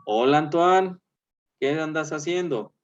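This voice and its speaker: A male teacher giving an online class in a chatty way, filling pauses with "eh" and "este" and checking in with "¿verdad?". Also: on the high side, lively intonation, lo-fi sound.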